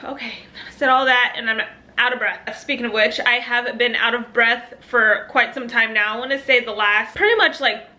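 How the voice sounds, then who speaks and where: Bright, chatty young woman vlogger. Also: fairly high pitch, moderate pace. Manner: chatty and upbeat, laughing between thoughts. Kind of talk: casual chat to camera.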